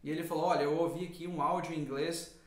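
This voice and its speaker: A man from Brazil co-hosting a casual language lesson, who speaks in a measured, thoughtful way with frequent fillers. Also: fairly high pitch, level tone, reverberant. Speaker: English teacher and co-host.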